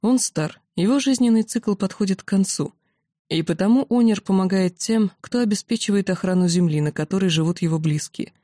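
A woman voicing a calm male dragon commander who explains things patiently, in a storybook reading. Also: mid-range voice, brisk, dry recording, studio quality, lightly acted. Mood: sad, earnest.

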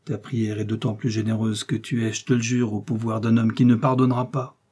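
A man's voice: fairly low pitch, flat delivery, brisk, dark tone, husky. A man doing a sneering, threatening nobleman. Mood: furious. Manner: sneering, mocking. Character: scornful, threatening English nobleman jailer.

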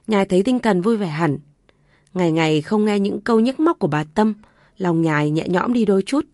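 Brief: female narrator, calm storytelling read, middle pitch. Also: dry recording, studio quality.

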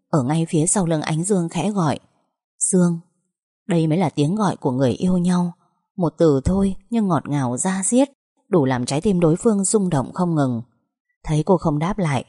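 A woman reading a romance story aloud in a calm, expressive way. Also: low voice, no room sound, studio quality. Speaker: audiobook narrator. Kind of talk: storybook narration.

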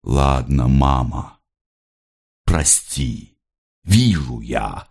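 A man doing a quiet, remorseful young son. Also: a bass voice, fairly even intonation, a little slow, gravelly, voice pushed down, exaggerated voice. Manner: quiet, subdued, mumbling.

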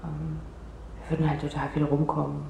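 With a deep, warm, monotone voice full of vocal fry, a young actress speaks briskly yet uncertainly as an insecure character in a naturalistic radio play. She hesitates and interrupts herself, and the recording sounds roomy with slight background noise.

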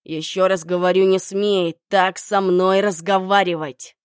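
A domineering young man barks his lines in a harsh, commanding tone, with a woman putting him on. The voice sits low and close, with no room sound around it. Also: fairly even intonation, moderate pace, a little mellow, smooth, dry recording, natural voice. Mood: furious.

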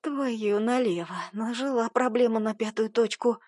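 A young woman reading a first-person story aloud in a lively, sarcastic, conversational way. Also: fairly high pitch, normal speed, no room sound, clean studio sound. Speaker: audiobook narrator.

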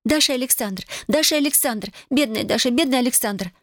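A woman reading an audiobook, voicing a hurt young woman who reproaches her lover in high, loud outbursts. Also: fast talker, no room sound, studio quality. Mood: anguished.

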